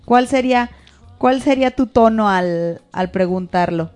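A woman's voice: medium pitch, unhurried, a little mellow, smooth, faint music behind. A woman co-hosting a casual chat, playful and teasing, drawing out her questions. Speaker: co-host.

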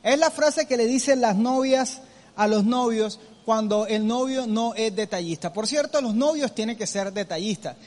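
High-voiced preacher in a hall. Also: male voice, normal speed, darkish tone. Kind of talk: sermon.

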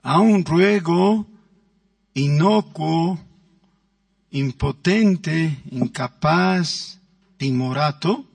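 A man's voice: fairly high pitch, creaky, no room sound, far from the mic. A man preaching a sermon as pastor, stressing words and acting out quoted voices. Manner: emphatic, drawn-out words with acted quotes.

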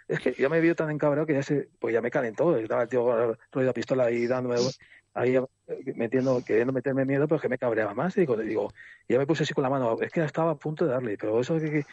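A man's voice: mid-range voice, dry recording. A man with a Spanish accent telling rambling street anecdotes in casual chat, with restarts and swearing. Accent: Spain Spanish. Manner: rambling, animated storytelling with many restarts and swearing. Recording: slightly muffled dry recording.

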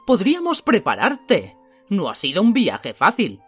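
A towering shaggy giant with a gruff, hearty, blunt way of talking, which a woman acts out in a reading. His voice has an altered, roughened timbre and swoops wildly from low rumbles to high bursts. The storybook recording sounds slightly dull. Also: wildly swooping pitch, unhurried, faint music behind, exaggerated voice. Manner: blunt, hearty, swings widely in pitch. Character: huge gruff shaggy man, rough but kindly.

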